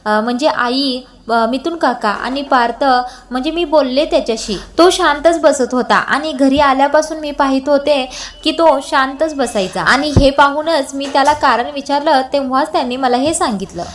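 A woman voicing a gentle young wife who pleads softly to calm the family, in a high voice. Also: normal speed, slight background noise, natural voice. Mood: pleading. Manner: soft, pleading. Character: gentle young married woman, calming peacemaker.

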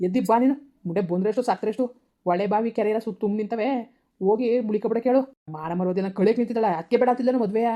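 A woman voicing an angry village father who shouts and curses at his daughter in a harsh, bitter way. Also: medium pitch, close to an everyday voice. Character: furious village father, harsh and cursing, man. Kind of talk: village family drama acting. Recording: dull lo-fi recording.

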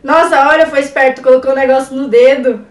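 A Brazilian woman with a Brazilian Portuguese accent reacting on camera, jumpy and excitable, scared and trembling, swearing and laughing as she talks. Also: high-pitched, fairly quick, reverberant. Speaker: YouTuber. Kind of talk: reaction video chat.

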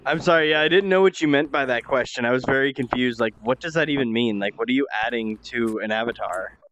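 A man's voice: medium pitch, quick pace, highs cut off, background noise. A man streaming and chatting casually with friends in a teasing, joking way. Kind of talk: casual chat among friends.

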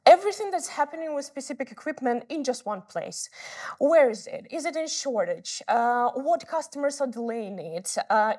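A woman product expert giving a live webinar demo of software, explaining earnestly and often pausing with filler sounds. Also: sits high. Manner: hesitant, many filler sounds.

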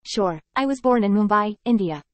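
A woman saying short English sentences for learners, repeating each phrase three times in a careful, even delivery. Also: mid-range voice, moderate pace, dry recording. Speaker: model speaker for English learners. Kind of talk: slow repeated example sentences.

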